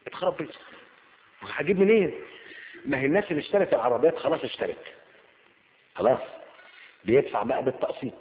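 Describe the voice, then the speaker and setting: A man with an Egyptian accent explaining a story casually, asking and answering his own questions. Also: medium pitch. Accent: Egyptian Arabic. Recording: tinny phone-like lo-fi with faint hiss.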